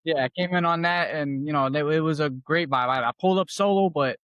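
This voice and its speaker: A man's voice: fairly high pitch, a little fast, a bit bright, clear, resonant tone, no room sound. A man hosting his podcast, asking questions in a laid-back, slangy way, full of "like" and "kinda". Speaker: podcast host. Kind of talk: casual interview conversation.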